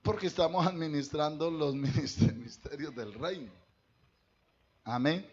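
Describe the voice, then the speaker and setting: A man's voice: a little high, unhurried, slightly rough, muffled recording. A man, a pastor preaching a sermon to his congregation in a conversational way, talking straight to them. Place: church.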